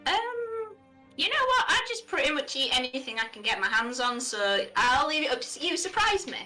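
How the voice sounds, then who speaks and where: Bright, playful woman player. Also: high voice, expressive, normal speed, faint music behind. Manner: playful, lots of laughing questions. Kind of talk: playing a tabletop game.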